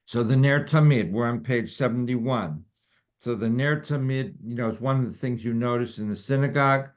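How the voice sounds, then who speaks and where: A man leading a study group and explaining in a relaxed, rambling way with many fillers. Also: medium pitch, normal speed. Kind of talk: informal teaching talk. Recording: dull lo-fi recording.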